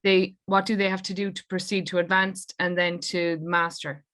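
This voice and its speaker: A woman's voice: lowish voice, level tone, moderate pace, a bit bright. An Irish woman on a video call, politely and a little hesitantly asking the presenter to explain the steps again. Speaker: instructor on the call. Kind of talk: asking questions in an online meeting.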